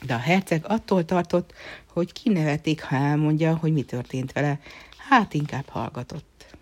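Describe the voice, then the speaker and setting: Storyteller with hushed, whispery phrase endings. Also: mid-range voice. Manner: phrase ends drop to a hushed near-whisper. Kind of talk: fairy-tale narration.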